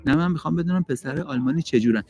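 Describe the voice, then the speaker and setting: A man's voice: a little high, a little mellow, rough recording. Chatty man, joking live host. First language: Persian. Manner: switches between chatty, joking talk and slow, halting questions in a second language. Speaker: live-stream host interviewing a passer-by. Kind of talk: casual live-stream chat, translating for viewers.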